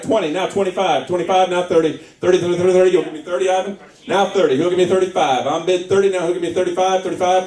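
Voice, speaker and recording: A man delivers a rapid auctioneer's chant, repeating numbers as he calls for bids. His voice sits fairly high, and it reaches a distant mic through a roomy echo. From Kansas. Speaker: auctioneer in training. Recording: echoey room, distant mic.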